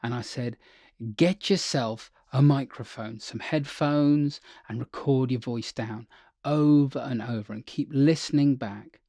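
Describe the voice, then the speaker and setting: A man's voice: mid-range voice, a little slow, dark tone, dry recording, studio quality. A man teaching a singing lesson as a vocal coach, upbeat and chatty, checking in with the listener often.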